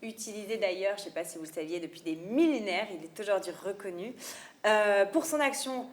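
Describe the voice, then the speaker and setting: A woman's voice: mid-range voice, lively intonation, fairly quick. A woman presenting an ingredient on a live studio show in an informative way. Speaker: guest presenter.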